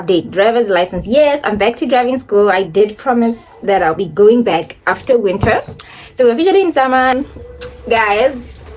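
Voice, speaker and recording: A woman's voice: mid-range voice, darkish tone. A young woman chatting casually to a phone camera while doing her makeup, rambling and laughing often. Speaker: beauty and lifestyle vlogger.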